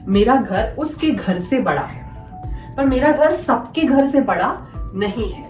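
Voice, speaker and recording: Slow, patient woman teaching grammar. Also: on the high side, animated, a little mellow. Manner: patient, asks and answers own questions, repeats examples. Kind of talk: classroom-style grammar lesson. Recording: echoey room, mic at a distance, faint music.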